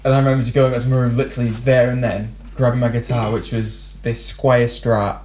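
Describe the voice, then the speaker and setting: Young male musician guest, quick, rambling storyteller, a faint background hum. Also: mid-range voice. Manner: animated, rambling, laughs often. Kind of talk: casual storytelling chat.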